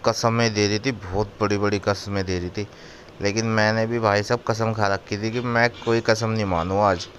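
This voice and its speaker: A lower-voiced young man gives an excited, casual voice-over on his family prank clips. He laughs and keeps pointing things out to the viewer. A faint hiss sits behind his voice. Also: moderate pace. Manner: chatty, laughing, keeps repeating "look, look". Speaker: vlogger narrating his prank video.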